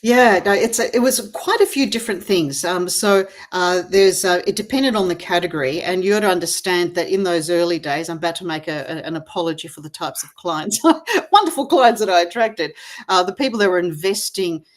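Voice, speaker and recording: Middle-aged Australian woman with an Australian accent, low-pitched, thinking aloud in a relaxed interview. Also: brisk, hardly any pauses. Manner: reflective, with many fillers and restarts. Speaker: interview guest, gamification expert. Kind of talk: conversational interview over video call.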